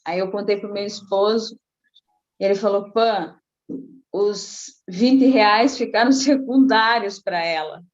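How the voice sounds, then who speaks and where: A middle-aged woman, telling a personal faith testimony in a casual, animated way. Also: medium pitch, slow pace, highs cut off. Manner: animated storytelling, acting out quoted voices. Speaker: guest giving a testimony.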